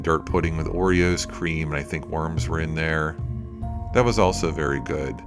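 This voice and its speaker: A man narrating a food review vlog as a voice-over in a plain-spoken, itemizing way. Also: extremely low pitch. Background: music.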